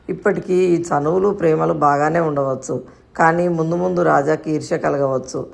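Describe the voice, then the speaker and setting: A woman reading a scripted audio story in a steady, emotive way. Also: low-pitched, creaky.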